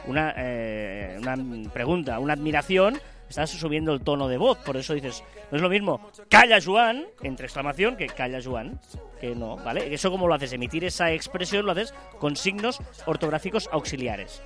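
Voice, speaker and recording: A man's voice: fairly high pitch, animated, a little fast, a bit bright. Man explaining, faint music. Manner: explanatory, frequent "¿vale?" check-ins. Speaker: podcast co-host. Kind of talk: casual podcast chat.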